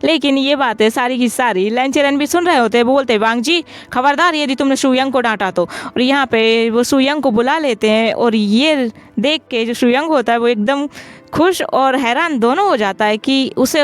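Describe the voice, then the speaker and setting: A woman's voice: high voice, normal speed. A woman casually retelling a drama scene by scene, reading each character's lines aloud in her own everyday voice. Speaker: drama recap narrator. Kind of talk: casual storytelling recap.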